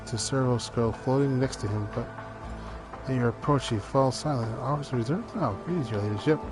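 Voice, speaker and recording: Male gamer, mid-pitched voice, reads the on-screen dialogue aloud and trips over words, game music playing clearly underneath. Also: brisk. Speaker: video game streamer. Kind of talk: let's play commentary.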